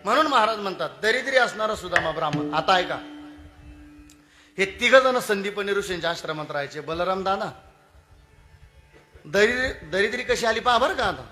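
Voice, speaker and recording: A man's voice: sits high, animated, normal speed, long pauses, sharp tone, faint music behind. A man preaching a devotional kirtan, telling stories and asking the audience questions, repeating words for emphasis. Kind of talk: devotional sermon storytelling.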